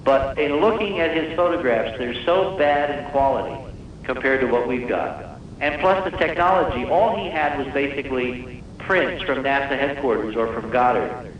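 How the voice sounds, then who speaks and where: On a live radio call-in show, a guest researcher with a medium-pitched voice talks at normal speed over crowd noise. He lays out technical points with emphasis, repeating words to stress them, and the noisy broadcast comes across muffled, distant and heavily echoed.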